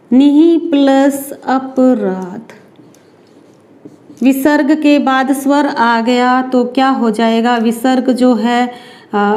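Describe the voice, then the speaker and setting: Woman teacher going thru grammar super slow, high voice, stretches out each example word. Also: darkish tone. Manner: asks and answers her own questions. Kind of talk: spoken grammar lesson for exam students.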